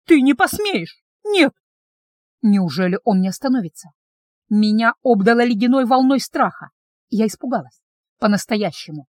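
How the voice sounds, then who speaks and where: A woman's voice: medium pitch, a little mellow, no room sound. Woman narrating a novel in first person. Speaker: audiobook narrator.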